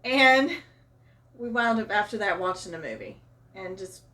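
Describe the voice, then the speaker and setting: A Southern-accented woman spins an animated personal story in a casual, chatty way. Her voice sits a little back from the microphone, giving a slightly distant sound, at an ordinary pitch for a woman. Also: normal speed. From Arkansas, US. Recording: voice a bit far from mic.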